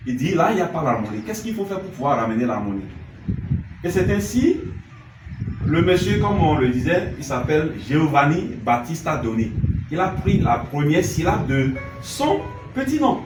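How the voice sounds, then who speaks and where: A man's voice: on the high side, big pitch swings, moderate pace. A man teaching a music lesson, asking questions and answering them himself, and singing note names. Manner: sings note names in scales. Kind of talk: classroom lesson. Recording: echoey room, mic far off, loud noise.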